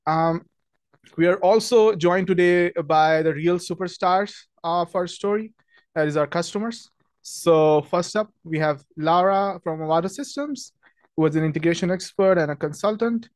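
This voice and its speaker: A young man from Pakistan, a product marketing manager, hosts a casual webinar presentation in a friendly, chatty way. He has a high voice at normal speed with no echo, and his talk is full of ums and restarts.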